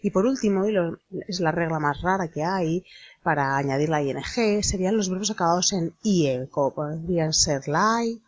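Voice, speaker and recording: A woman explaining an English grammar lesson in a slow, deliberate manner, spelling out letters. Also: lowish voice, no room sound, highs cut off. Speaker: English teacher.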